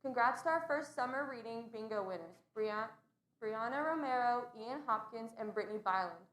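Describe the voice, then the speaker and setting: Woman reading school morning announcements; steady delivery, slightly high voice, echoey. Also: moderate pace. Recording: echoey room.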